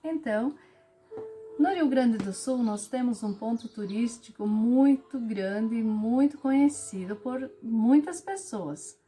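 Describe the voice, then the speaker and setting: A woman teacher, explaining a lesson patiently and clearly to children and acting out example sentences with lively intonation. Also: a little high, slow pace, faint music behind. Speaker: special education teacher.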